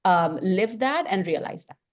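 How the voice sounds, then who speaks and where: In a reflective interview, a middle-aged woman director with an Indian accent speaks at a medium pitch, expressive and unhurried. Her earnest answers come out as thinking aloud, with many restarts.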